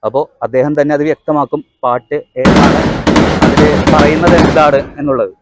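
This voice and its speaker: A man's voice: a little high, steady tone, moderate pace, very noisy. A man with a Kerala accent giving an emphatic, instructive explanation to devotees, repeating his key points. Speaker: presenter.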